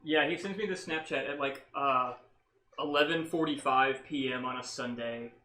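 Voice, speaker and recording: A young man telling a long story in casual chat, rambling and animated with lots of filler words. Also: medium pitch, moderate pace, roomy sound, a little hiss or hum. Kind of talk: casual storytelling while working on a car. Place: garage.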